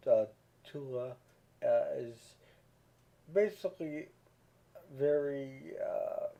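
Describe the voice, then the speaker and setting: A man speaks in an unhurried, halting way as he reviews a series, often stopping on filler sounds and restarting words. His voice sits at an ordinary middle pitch. The sound is narrow and tinny, as if heard over a phone line. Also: creaky. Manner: slow and halting, many ums and restarts. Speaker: show reviewer. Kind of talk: casual spoken review.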